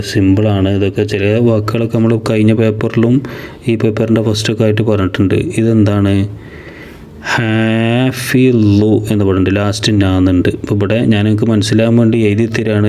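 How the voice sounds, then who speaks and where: A man with a Malayali accent teaching a children's reading lesson for an exam. He reads each word slowly and drawn out, then explains it more quickly. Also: lowish voice, dark tone. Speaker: madrasa teacher.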